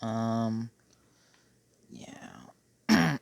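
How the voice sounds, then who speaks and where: Gravelly guy rambling about his game, throat full of phlegm, dry close mic sound. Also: on the low side, wildly swooping pitch, extremely slow, no room sound. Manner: rambling, keeps clearing his throat, tacks on "okay?". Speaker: Minecraft player. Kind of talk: casual gameplay commentary.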